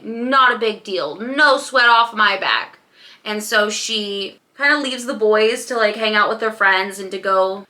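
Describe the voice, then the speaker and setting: Young woman, bright, casual book recap, chatty, animated. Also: on the high side. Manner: chatty, animated retelling with quoted voices. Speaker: book vlogger. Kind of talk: casual book recap while doing makeup.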